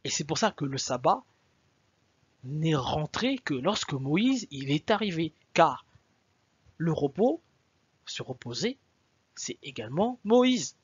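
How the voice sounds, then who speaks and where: A man's voice: fairly high pitch, big pitch swings, slow pace, long pauses, slightly rough, no echo, lo-fi sound. A man giving an explanatory video lecture as a religious teacher, emphatic, repeating his points and asking his listeners questions.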